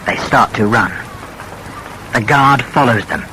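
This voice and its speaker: Guy reading an easy storybook for learners, super slow, bright voice, bit of noise. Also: mid-range voice, rough recording. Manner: slow, clear, very expressive. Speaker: reader. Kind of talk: reading a graded reader for learners.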